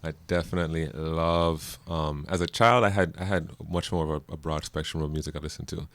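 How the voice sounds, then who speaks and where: A man from Jamaica with a very deep voice chats casually as a guest, rambling with plenty of fillers and easy laughter. The recording is dry and close. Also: a little fast, no echo. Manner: laughs often, relaxed rambling with many fillers. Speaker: musician guest. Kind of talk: casual interview chat.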